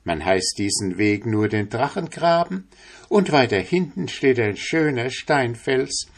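A man's voice: mid-range voice, lively intonation, unhurried, voice pushed up. A chatty tailor's wife, voiced by a man reading the tale, lifts her voice well above his own and explains the way in a helpful tone. It sounds like a storybook reading.

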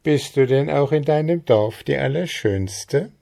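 A man voicing a gentle, teasing female rain spirit in a fairy-tale reading. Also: on the low side, expressive, unhurried. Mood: kindly.

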